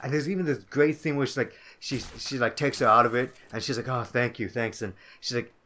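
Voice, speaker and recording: A man's voice: mid-range voice, fairly even intonation, a little fast, sharp tone, a little hiss or hum. A young man co-hosting a let's play, rambling casually with lots of filler words and playful asides. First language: English. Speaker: co-host of a gaming let's play. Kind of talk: casual gaming chat.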